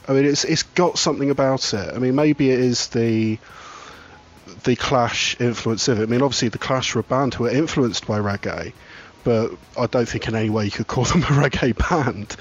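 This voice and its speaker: A man on a podcast panel argues his view with firm, opinionated conviction. His voice sits mid-range. The sound is slightly dull and lo-fi. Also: mid-range voice. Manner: opinionated, argumentative, laughs. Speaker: regular panelist. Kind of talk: casual opinionated chat.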